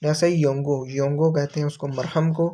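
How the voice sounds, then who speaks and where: A man's voice: on the high side, fairly even intonation, mellow. A man teaching from a textbook, reading each word aloud and then explaining what it means. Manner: repeats words slowly, explains each term. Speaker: Korean language teacher.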